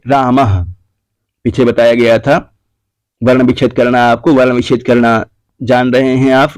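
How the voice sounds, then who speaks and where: A man teaching a classroom grammar lesson, slowly repeating and dictating the answers to exercises. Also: mid-range voice, darkish tone, no echo.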